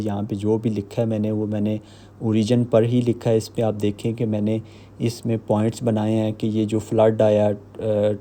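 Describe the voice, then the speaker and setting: A man giving a screen-recorded software walkthrough, explaining step by step with filler pauses. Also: on the low side. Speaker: software tutorial host.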